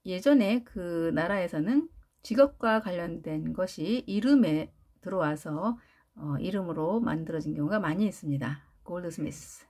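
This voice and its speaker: A woman teaching English pronunciation in Korean, repeating each word slowly and stressing syllables. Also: lowish voice, warm tone. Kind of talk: pronunciation lesson with drilled repetitions.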